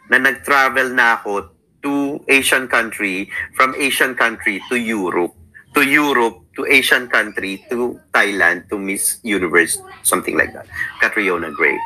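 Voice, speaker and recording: This low-quality recording captures a Filipino-accented man in his thirties, his medium-pitched voice pushed and bright. He's a guest casually narrating his life story, sleepy-sounding, blending Tagalog with English and frequently repeating his own and others' words.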